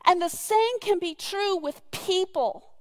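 A woman preaches from the pulpit, retelling the story with earnest warmth and the odd soft laugh. Her voice sits high, and she takes her time over each phrase. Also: takes it slowly. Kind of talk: sermon.

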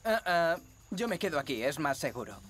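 A woman's voice: sits low, very animated, normal speed, loud music behind the voice. An actress voicing a nervous, cautious cave boy who worries dramatically. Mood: anxious. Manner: jittery, dramatic shrieks of fear. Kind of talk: Spanish cartoon dubbing.

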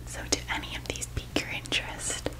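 A woman doing a whispered role-play as a gentle fairy designer attending to a customer, in a soft breathy voice. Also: fast talker. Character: gentle female fairy designer showing customer clothes and crowns.

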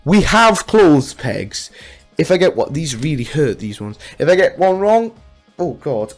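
High-pitched young man, exclamatory. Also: sing-song, unhurried, soft background music. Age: young adult. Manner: exclamatory, self-mocking. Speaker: video host. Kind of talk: casual gaming challenge commentary. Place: small room at home. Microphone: studio condenser mic with pop filter, close up.

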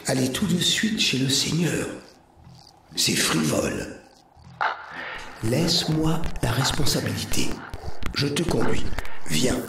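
A man giving a slow, measured dramatic reading of a dialogue, shifting between characters, heard from a distance in a roomy space with music behind him. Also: medium pitch, creaky, fairly bright tone, slight background noise. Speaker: reader.

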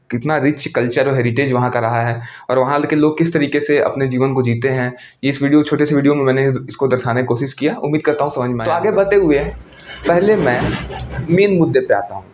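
A man's voice: mid-range voice, a little fast, a little mellow. A man hosting an informal explainer lecture in a chatty, teasing way. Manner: chatty, teasing, with frequent "ठीक है" tags. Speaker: educational channel host. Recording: roomy, dull lo-fi recording.

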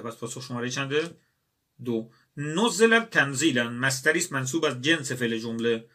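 A man's voice: medium pitch, pushed and bright. A male teacher walking students through exam exercises, asking questions and answering them himself. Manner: addresses students directly, asks and answers his own questions. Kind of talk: exam-prep grammar lesson.

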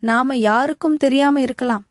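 A woman's voice: high-pitched, normal speed, no room sound, clean studio sound, close to an everyday voice. A woman voicing a teenage boy, a scheming younger brother, with a pleading, coaxing manner.

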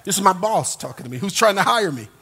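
High, bright-voiced older male preacher. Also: expressive, fast talker, husky. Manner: humorous, shouting emphasis, call-and-response. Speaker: pastor. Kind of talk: sermon. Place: church sanctuary. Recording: long church reverb.

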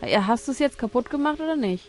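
A woman's voice: high voice, animated, fast, darkish tone, faint music behind. A woman commenting casually on her gameplay, muttering and puzzling aloud as she thinks. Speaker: let's play host.

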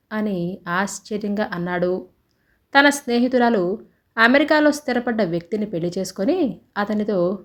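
Female storyteller, steady read-aloud narration, even-voiced across characters. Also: mid-range voice. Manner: reads dialogue of several characters in one even voice.

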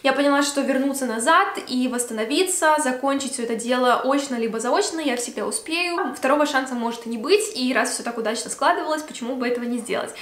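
Filming a Q&A at home beside her Christmas tree, this beauty vlogger from Belarus, aged twenty-five, talks to camera in a chatty way full of filler words. She speaks fast in a high-pitched, fairly bright voice with hardly any pauses, and the room echoes.

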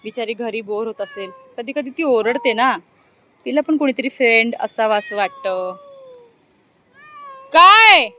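High-voiced doting woman vlogger. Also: lively intonation, unhurried, long pauses, pushed and bright, slight background noise, poor audio. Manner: doting, chatty, coos at her pet cat. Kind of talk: casual vlog chat. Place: open ground outdoors.

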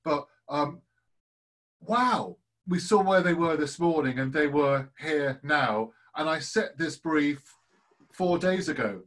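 A man's voice: a little high, lively intonation, slow, a bit bright. A man hosting an online student session, his voice sitting a little above average for a man. He is enthusiastic and effusive as he keeps the call moving between speakers. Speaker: host, course leader. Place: home, on a video call.

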